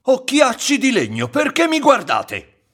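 Man doing a fretful old woodcarver, strained raised voice, high and swooping, storybook reading. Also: huge pitch swings, unhurried, heavily acted. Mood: indignant. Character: poor old male woodcarver, fretful and touchy.

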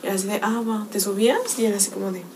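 A young woman with a Mexican accent, chatting casually on a podcast and telling an anecdote full of slang, often laughing and quoting others in a lowered voice. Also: steady tone, very fast, a little mellow, a little hiss or hum. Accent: Mexican Spanish. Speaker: podcast co-host. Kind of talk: casual chat, storytelling.

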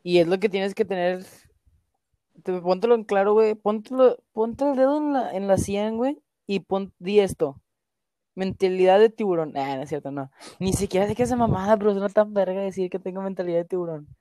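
This young woman speaks with a Mexican accent and rants casually to her stream audience, swearing freely and leaning on filler words. Her voice is mellow and dark. The recording is dry and close, with no room sound. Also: mid-range voice, a little fast, no room sound. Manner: slangy, swears a lot, peppers speech with filler words. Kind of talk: casual profane stream chat.

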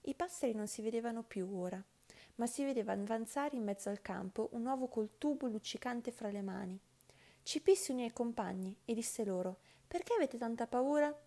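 A woman's voice: a little high, a little fast, vocal fry. Woman reading a children's story. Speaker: narrator. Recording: loud background music.

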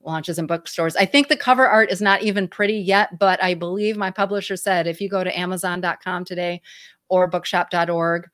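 A lowish-voiced woman talks in a twangy American Midwestern accent, recorded close and dry. She is a guest in a casual interview, speaking informally and with expressive emphasis. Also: fairly quick, dry recording. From Michigan, US. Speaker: guest, author.

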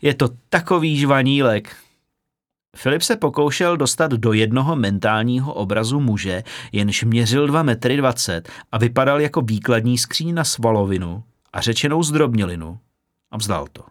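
A man's voice: medium pitch, expressive, dry recording, studio quality. A man reading a novel aloud as audiobook narration, telling the story expressively. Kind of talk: scripted narration.

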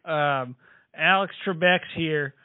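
A man's voice: fairly high pitch, takes it slowly, no room sound. A man doing a rambling trucker on a tinny phone line. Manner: rambling, muddled, oblivious. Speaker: prank caller. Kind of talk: prank phone call.

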